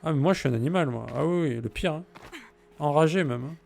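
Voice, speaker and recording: Talking at a quick pace, this man's voice is a little high, creaky, and darkish, with a slight hiss or hum in the background. He's a game streamer joking casually and responding to viewer messages.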